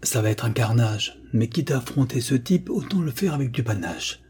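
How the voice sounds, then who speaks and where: A man's voice: mid-range voice, expressive, normal speed, a little mellow, slightly rough. A man voicing a bold young man dressed as a knight who speaks in a declamatory way. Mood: determined.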